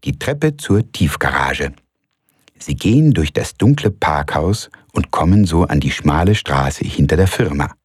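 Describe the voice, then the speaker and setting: A man calmly reading a story aloud as the narrator, in a measured way. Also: extremely low pitch, slightly rough, no echo, clean studio sound. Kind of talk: scripted audiobook narration.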